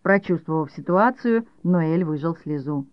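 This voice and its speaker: Measured audiobook narrator, dry sound. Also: mid-range voice, expressive, clear, resonant tone, dry recording, highs cut off.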